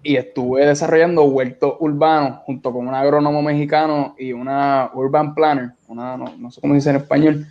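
Over dull, lo-fi video call audio, a young Puerto Rican man who organizes beach cleanups chats informally as an interview guest from an indoor room. His fairly high voice stays steady, and he talks fairly quickly with few pauses, using a Puerto Rican accent and colloquial language.

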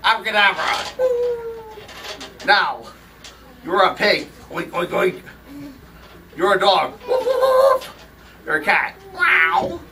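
Man voicing a bragging stage wizard puppet, lively pitch, noisy distant recording. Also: slow pace, creaky, long pauses, heavily acted. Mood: boastful. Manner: boastful showman. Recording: distant mic, noisy background.

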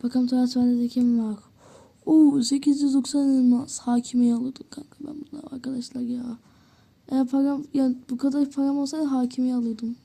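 A woman giving casual commentary on a soccer game to viewers, excitable and cursing at the play. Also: high voice, moderate pace, vocal fry, husky. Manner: excitable, swears and groans at the game. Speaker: gameplay commentator.

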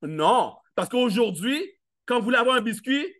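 A man with a high, forceful voice speaks from a live event stage. He questions his listeners directly and slips into quick acted scenes. The delivery stays playful and punchy. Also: expressive. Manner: playful, questions the audience, acts out little scenes. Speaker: motivational speaker. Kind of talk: live motivational talk to an audience.

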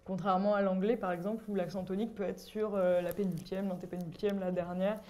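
Young woman running a seminar, soft mellow voice, lots of euh. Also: mid-range voice, flat delivery, quick pace. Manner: hesitant, many fillers, explanatory. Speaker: seminar moderator. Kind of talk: academic discussion.

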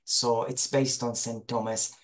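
Joining an interview by video call from a small room, a religious teacher in his forties from Iraq talks casually in an Iraqi accent. His voice is medium-pitched and level, unhurried, and he frequently hunts for the right word.

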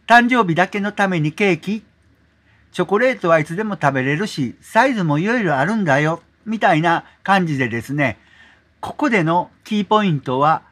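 A man hosting a software tutorial, explaining step by step in a polite manner, often adding 'desu ne' as filler. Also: high voice. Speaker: tutorial host. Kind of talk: screen-recorded software tutorial.

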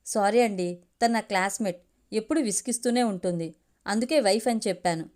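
A woman voicing a calm, considerate young husband in a storybook reading, in a gentle, reassuring manner. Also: medium pitch, a little fast, lightly acted. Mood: apologetic.

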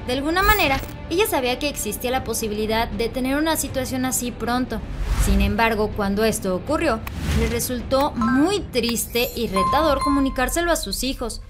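Woman, celebrity news narrator, scripted voice-over, higher voice, upbeat, music bed. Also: animated. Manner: brisk, upbeat channel sign-off.

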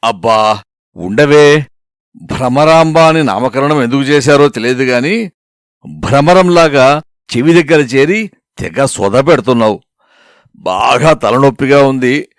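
A man's voice: mid-range voice, unhurried, long pauses, clean tone, no room sound, clean studio sound, close to an everyday voice. A man doing a grumbling sick husband. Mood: whining. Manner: whining, complaining.

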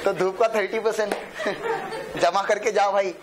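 This man's voice is high and fairly even in intonation, at a moderate pace, over a noisy background. He teaches tax law to accountancy exam students in a Hindi-English classroom lecture, explaining step by step and often checking understanding with tag questions. With a joking touch, he plays the students himself, asking their questions aloud.

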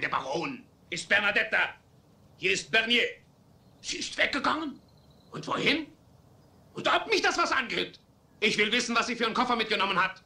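A man dubbing a hot-tempered, middle-aged rich father in a German film, ranting in shrill, theatrical outbursts. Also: bright, forceful tone, heavily acted. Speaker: dubbed film actor.

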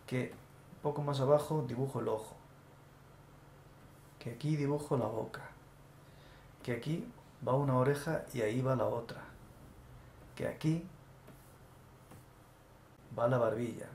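A man narrates a drawing tutorial step by step, describing each stroke as he makes it. His voice has a gravelly edge at a middle pitch. The recording sounds roomy and echoey, with a faint hiss behind it. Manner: calm step-by-step, narrating actions as he draws. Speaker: animation tutor. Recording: echoey room with faint noise.

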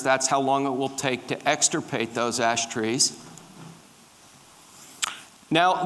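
Middle-aged male lecturer, slightly high voice, engaging, quizzes the crowd; big echoey hall. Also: fairly bright tone. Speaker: conference speaker on tree pests. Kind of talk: lecture with slides. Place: large dark conference hall with a stage. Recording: reverberant conference hall.

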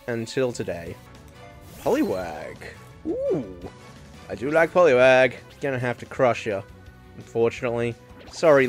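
A man hosting his own gaming channel, chatting casually over gameplay with lots of swearing. His voice is lively and leaps up in pitch when something happens. Faint music plays under him. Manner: profane, excitable, swings to loud outbursts. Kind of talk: casual let's play commentary.

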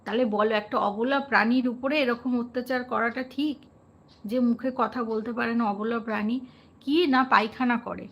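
A woman's voice: fairly high pitch, fairly even intonation, normal speed, dull audio. A woman from West Bengal chatting casually and earnestly with viewers on a live stream, often asking them questions.

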